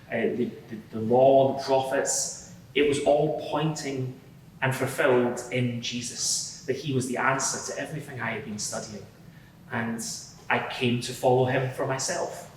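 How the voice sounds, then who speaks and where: In a big reverberant hall, heard from a distance, a man plays an earnest converted Pharisee on the witness stand. He explains his change of heart in a halting, sincere way, at a middling pitch. It is live courtroom drama with faint noise. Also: a bit bright, close to an everyday voice. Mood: earnest, explanatory. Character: Rabbi Paul, earnest converted Pharisee giving testimony. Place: large reverberant courtroom before a live gathering.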